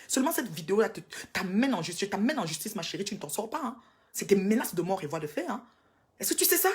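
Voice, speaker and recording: A woman rants angrily on a live video. She scolds and mocks someone, and her voice keeps jumping into shrill outbursts before dropping back down. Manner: scolding, mocking, with sudden high-pitched outbursts. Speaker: livestreamer. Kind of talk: angry live rant.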